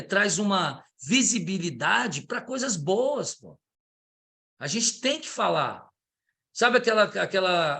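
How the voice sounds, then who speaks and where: Brazilian male capoeira teacher, high voice, eager online lecture, video call audio. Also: vocal fry, a bit bright. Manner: enthusiastic, gets carried away. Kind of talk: online training talk.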